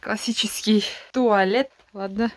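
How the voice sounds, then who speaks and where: A woman narrates a road trip, lively and playful as she points things out. Her pitch is ordinary for a woman. Steady car and outdoor noise sit clearly behind her. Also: a little slow. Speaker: travel vlogger. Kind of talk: casual travel vlog commentary. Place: in a car and outdoors in a rainy forest. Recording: noisy outdoor and car recording.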